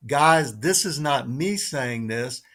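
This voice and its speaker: A man's voice: mid-range voice, lively intonation, slow pace, a bit bright. A man presenting slides on a talk show, earnest and emphatic, reading quotes aloud. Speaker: guest presenter.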